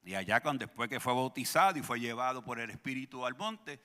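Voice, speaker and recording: Fairly quick and forceful, this pastor's mid-range voice is bright as he preaches humorously in a church sanctuary, cracking jokes and calling out to the congregation. It sounds like a large hall.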